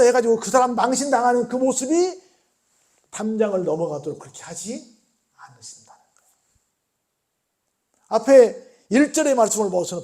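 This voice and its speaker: A male pastor preaching a midweek church sermon, often asking the congregation questions and swinging between soft, low tones and raised exclamations. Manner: asks the congregation frequent rhetorical questions.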